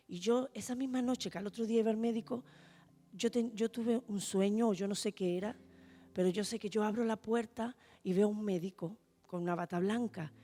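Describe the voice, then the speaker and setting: A woman's voice: mid-range voice, mellow. Heartfelt woman testifying in church. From Spain. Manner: heartfelt, addresses the congregation as brothers. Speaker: church member giving testimony. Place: church hall.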